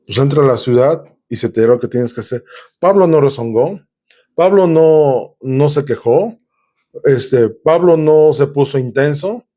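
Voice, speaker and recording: A man's voice: medium pitch, animated, a little slow, warm tone. A man preaching a sermon, reading Bible verses aloud and explaining them in a conversational way, with filler sounds and restarts. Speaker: pastor.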